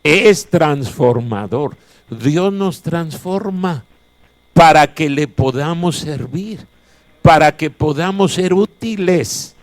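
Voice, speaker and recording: Male pastor, slow deliberate sermon delivery, emphatic repetition, somewhat high voice. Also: dry recording. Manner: emphatic, repeats key phrases. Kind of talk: chapel sermon. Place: chapel of a Bible college.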